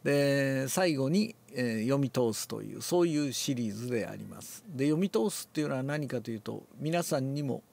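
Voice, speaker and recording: An older man, relaxed and musing aloud, explains a classical Japanese text before reading it aloud and demonstrates with his voice. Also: mid-range voice, moderate pace, creaky, few pauses. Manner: relaxed, talks to himself, demonstrates accents aloud. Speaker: reading teacher.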